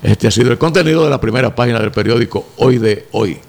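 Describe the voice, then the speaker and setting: A man's voice: medium pitch, fast, vocal fry, a little mellow. A man with a Dominican accent co-hosting a talk show, reading headlines and arguing emphatically. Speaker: news talk co-host. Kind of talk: reading headlines and casual debate.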